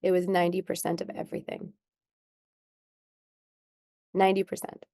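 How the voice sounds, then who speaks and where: A woman's voice: fairly low pitch, monotone, moderate pace, mellow, no echo. A young adult woman telling a personal story in an interview, earnest and at times close to tears. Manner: earnest, tearful at moments, many ums. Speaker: skincare founder, interview guest.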